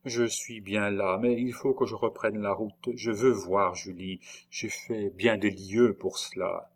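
A man's voice: fairly low pitch, fairly even intonation, measured pace. A man voicing a weary, resigned peddler. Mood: sorrowful. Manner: soft, resigned and hushed.

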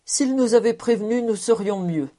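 A woman's voice: fairly high pitch, moderate pace, dark tone, pitched above the performer's own voice, natural voice. A woman reading the lines of a stout, pompous middle-aged male tax collector in a storybook, with exclaiming indignation. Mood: indignant.

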